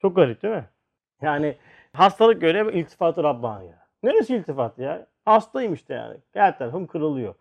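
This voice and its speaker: A man giving a lively religious talk, asking rhetorical questions and acting out everyday scenes. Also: fairly high pitch, a little fast, vocal fry. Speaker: religious teacher. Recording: dull lo-fi recording.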